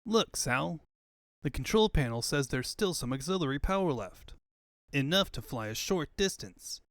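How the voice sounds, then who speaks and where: A man's voice: fairly high pitch, animated, moderate pace, fairly bright tone, dry recording, clean studio sound. A man voicing a cocky, brave young hedgehog hero with breezy slang in a comic book fandub. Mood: determined. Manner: breezy surfer-style slang.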